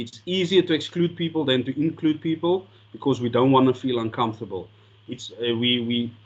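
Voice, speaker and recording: With highs cut off in the recording, a medium-pitched South African man, Afrikaans by first language, gives an earnest coaching lecture using slides. He often repeats words while restarting his sentences.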